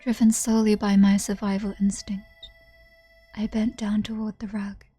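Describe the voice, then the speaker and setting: A woman streamer softly reading a visual novel's first-person narration, often in a hushed voice. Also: mid-range voice, little pitch movement, normal speed, breathy edge, faint music behind.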